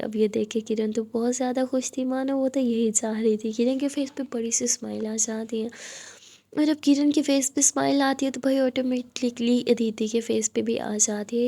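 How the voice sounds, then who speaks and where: High-voiced woman narrating a love story. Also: dark tone. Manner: chatty, conversational asides.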